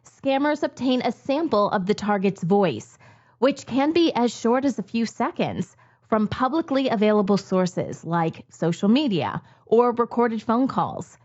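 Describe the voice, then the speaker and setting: A woman narrates a news segment from a script, steady and measured. The audio has a slightly muffled, lo-fi quality. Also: a little high. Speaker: news anchor.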